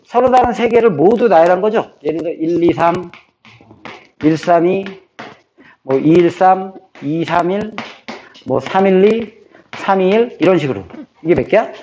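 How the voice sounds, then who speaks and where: Man teaching math, a bit higher voice. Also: normal speed, pauses often, dark tone. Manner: checks in with listeners, often tacking on a questioning "eo?"; repeats key phrases over and over for memorization. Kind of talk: classroom lecture on combinatorics. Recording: slightly dull, faintly noisy lecture recording.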